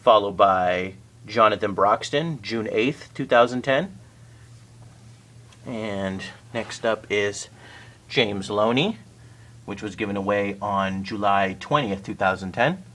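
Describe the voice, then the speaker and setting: A man casually narrating a walkthrough of his collection on home shelves, naming items one after another with the odd pause and self-correction. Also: lowish voice. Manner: steady list-like naming with occasional uh and self-corrections. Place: indoors at home by display shelves.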